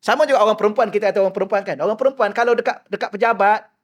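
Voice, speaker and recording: A man's voice: sits high, rapid-fire. A middle-aged man giving a mosque lecture, asking the audience rhetorical questions and acting out the people he quotes. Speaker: religious teacher.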